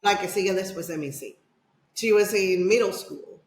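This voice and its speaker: Speaking at a moderate pace in a medium-pitched, darkish voice, this middle-aged Dominican woman is a podcast guest casually recounting a personal story. She rambles with lots of fillers and restarts, and the room gives a roomy echo.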